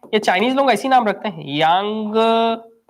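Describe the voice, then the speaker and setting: Male coaching teacher, high voice, chatty lecturing that quizzes the class. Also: fast talker. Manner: chatty, quizzes students and answers himself. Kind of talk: live online class lecture.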